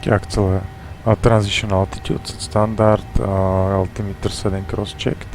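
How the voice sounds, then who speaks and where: A man making pilot takeoff callouts and procedure commentary in a measured, clipped checklist manner. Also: lowish voice, faint music behind. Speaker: flight simulator streamer playing airline pilot. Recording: steady cockpit hum and background noise.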